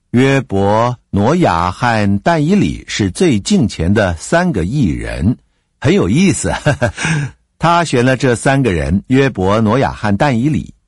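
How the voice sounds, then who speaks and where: A man with a slightly husky voice teaches the Bible, his pitch leaping up and down as he stresses his points. The sound is dry and close, with no room around it. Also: no room sound. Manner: explanatory, emphatic, with occasional fillers and laughs.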